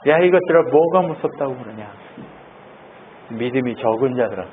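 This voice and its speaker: A man voicing Jesus who speaks to his frightened disciples in a low, mild, dismissive way. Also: lively intonation, normal speed, close to an everyday voice. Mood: scolding. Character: calm, unbothered Jesus scolding his disciples. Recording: tinny phone-like sound, faint noise.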